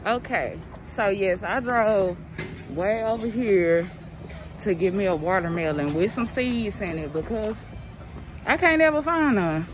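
A woman's voice: mid-range voice, lively intonation, measured pace, background noise. A woman in her thirties vlogging on a phone at arm's length while shopping at a market, chatty and calling her viewers y'all. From Texas. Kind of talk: casual vlog talk to camera. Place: outdoor farm stand and indoor market. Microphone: phone held at arm's length.

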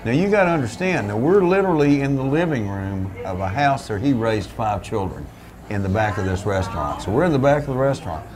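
An older man who owns a small restaurant, telling its history in a relaxed, folksy way with many restarts, seated at a table in a back room. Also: mid-range voice, fairly quick, crowd noise. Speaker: restaurant owner. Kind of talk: relaxed storytelling interview. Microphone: seated at a table, camera in front.

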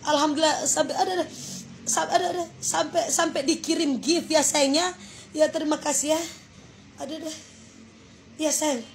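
A woman's voice: high-pitched, steady tone, normal speed, long pauses, a little hiss or hum. A woman with a Manado Indonesian accent hosting a livestream, thanking viewers for gifts in an effusive, exclaiming way, speaking into a phone. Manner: effusive, exclaiming, breaks into laughter. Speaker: livestream host.

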